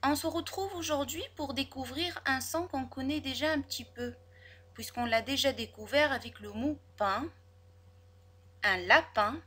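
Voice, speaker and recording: A woman leads a spelling lesson for young children at a very unhurried pace. She sounds out every word syllable by syllable. Her voice is bright and a little breathy. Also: high voice. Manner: slow, over-articulated, syllable by syllable. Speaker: teacher.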